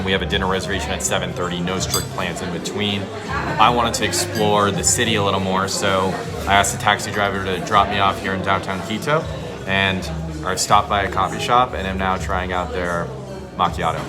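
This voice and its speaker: A man talking casually as a travel vlogger, relaxed and chatty, filling gaps with "you know" and "like.". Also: low-pitched. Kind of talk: casual travel vlog narration. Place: outdoors on a hilltop city viewpoint.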